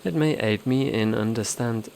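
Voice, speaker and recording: A man's voice: mid-range voice, moderate pace, creaky, darkish tone, slight background noise, lightly acted. A man voicing a literal-minded robotic machine intelligence, reading its lines in stiff, clipped, precise wording. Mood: formal. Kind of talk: reading game dialogue aloud.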